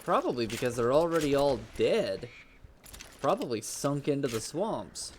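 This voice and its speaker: A man's voice: medium pitch, big pitch swings, normal speed, a little hiss or hum. Casual swearing man streaming a game. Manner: casual, swears, reads text aloud. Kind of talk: gaming stream commentary.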